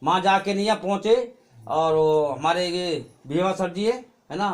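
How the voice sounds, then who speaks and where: A high-voiced middle-aged man shares a testimony at a church gathering. He tells it like a chatty story and often checks in with his listeners with a tag question. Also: moderate pace. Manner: chatty storytelling with frequent "hai na" tags. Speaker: church member giving testimony. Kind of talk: spoken testimony at a prayer meeting.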